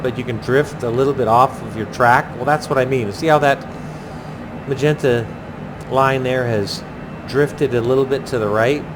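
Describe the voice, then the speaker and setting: Chatty male pilot over a noisy rumble. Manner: chatty, thinking aloud, using pilot jargon. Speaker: flight simulator pilot and host. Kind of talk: casual narrated flight commentary. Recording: clearly noisy, steady low engine-like rumble.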